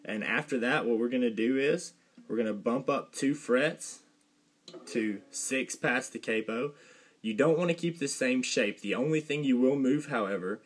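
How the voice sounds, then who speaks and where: A young man giving a casual guitar lesson, relaxed and rambling, with fillers and a dry joke now and then. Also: medium pitch, normal speed, slightly rough. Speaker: guitar teacher. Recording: guitar playing behind the voice.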